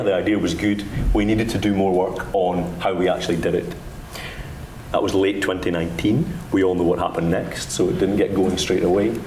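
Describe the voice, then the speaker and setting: A man's voice: fairly low pitch, darkish tone. A man with a Dundee Scottish accent giving a conference presentation in an informal, conversational way. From Dundee, Scotland. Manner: informal, conversational, Scots turns of phrase. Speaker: panel speaker on education. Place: indoor event room with microphone. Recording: roomy, distant microphone, faint noise.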